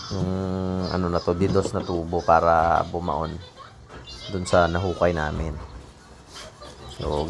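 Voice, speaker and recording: A woman with an extremely deep, low voice talks through her own video in a chatty, joking way, praising her own work as she goes. Steady noise runs under the whole recording. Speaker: vlogger narrating own footage. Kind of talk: casual voice-over commentary. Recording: noisy background.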